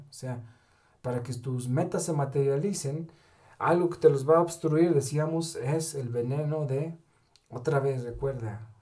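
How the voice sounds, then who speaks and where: A man's voice: medium pitch, dark tone. A man giving a motivational talk, telling stories with short quoted lines and tagging many sentences with a question. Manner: keeps adding the tag question "¿verdad?"; storytelling with short quoted dialogue. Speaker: motivational speaker.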